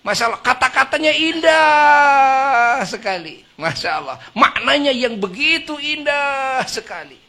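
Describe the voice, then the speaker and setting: Lively, bright-voiced male preacher. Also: very high-pitched, unhurried. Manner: swings between soft murmurs and loud exclaims, acts out scenes. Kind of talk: lively sermon to a women's congregation.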